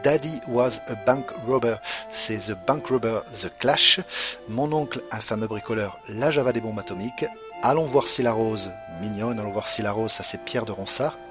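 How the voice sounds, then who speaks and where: A man hosting a show, casually running through a list of song titles with frequent hesitations and fillers. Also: fairly low pitch. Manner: hesitant, many pauses and fillers. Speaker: radio host presenting a song medley. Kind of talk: casual spoken song-by-song rundown. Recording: music playing underneath.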